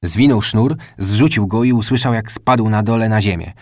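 A man reading a children's story aloud in calm, scripted narration. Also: fairly low pitch, moderate pace, no room sound, clean studio sound. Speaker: audiobook narrator.

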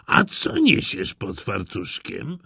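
A man's voice: on the low side, huge pitch swings, slow, gravelly, pushed and bright, breathy edge, no room sound, clean studio sound, exaggerated voice. A man voicing a sly, hungry male wolf who talks in a coaxing, cunning way.

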